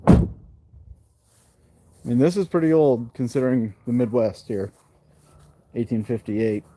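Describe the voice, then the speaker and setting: A man hosts a ghost-hunting live stream in a relaxed, chatty way, often turning to address the viewers. His voice is dark and mellow, with a faint hiss of noise behind it. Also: mid-range voice, measured pace. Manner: chatty, talks straight to viewers. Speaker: livestream host. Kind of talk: casual live-stream chat.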